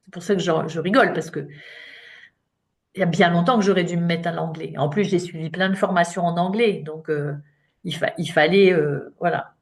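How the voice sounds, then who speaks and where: A woman's voice: lowish voice, fairly even intonation, fairly quick. A woman in her late fifties, a coach giving an informal talk in French, chatty and self-mocking with frequent fillers. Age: 50s. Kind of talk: live online talk to an audience.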